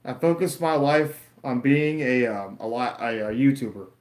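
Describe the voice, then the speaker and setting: A Florida man in his late twenties streams a wrestling watch-along on YouTube, chatting casually and rambling as he answers chat and pokes fun at himself. His mid-range voice is animated and darkish, at a normal speed, in a roomy-sounding space.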